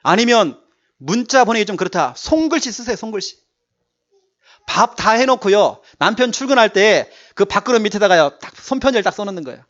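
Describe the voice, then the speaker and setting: A man's voice: high-pitched, animated, a little fast, a bit bright. A male pastor preaching a sermon, emphatic and repeating his key words to urge the congregation on. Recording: dull lo-fi church recording.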